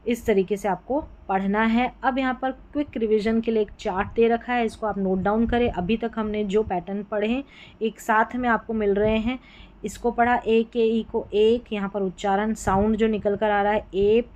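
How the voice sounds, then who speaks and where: A woman's voice: on the high side, darkish tone, lo-fi sound. A woman teaching an English reading lesson, patiently spelling out letter groups and then sounding out each word. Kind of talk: classroom-style phonics lesson.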